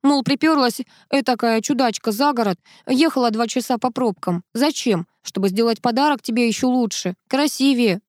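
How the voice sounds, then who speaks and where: Whimpering touchy lady guest, read by a woman, high and whiny, dry sound. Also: normal speed, few pauses, darkish tone, dry recording, close to an everyday voice. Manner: whiny, sniffling, pleading. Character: tearful touchy woman guest, doll maker.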